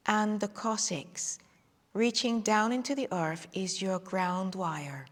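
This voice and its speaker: A woman leading a guided meditation and qigong session, speaking slowly and soothingly and drifting into soft whispers. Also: medium pitch, fairly even intonation. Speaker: qigong instructor. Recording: long hall reverb.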